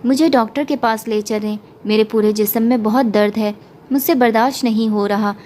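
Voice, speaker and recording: A woman voicing a distressed young wife in a spoken story, pleading through tears with a slightly high voice. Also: steady tone, a little mellow, a little hiss or hum, lightly acted. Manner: pleading, tearful.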